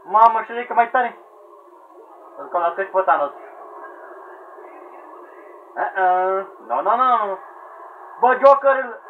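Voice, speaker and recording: A man commentates his own game in a high, jumpy voice that leaps all over the place as he shouts, begs and yells at the fighters. The recording is thin and phone-like, with a faint hiss behind him. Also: expressive, pauses often. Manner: frantic, yelling at characters, pleading and laughing. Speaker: gamer commentating own play. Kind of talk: excited gameplay commentary. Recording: tinny lo-fi sound with faint hiss.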